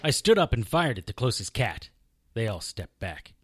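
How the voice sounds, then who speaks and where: Through very noisy audio, a man with a mid-range voice and big pitch swings speaks at normal speed, lightly acted. He performs first-person narration and acting for an audio drama as a wry, impulsive, hard-boiled detective, his narration tense.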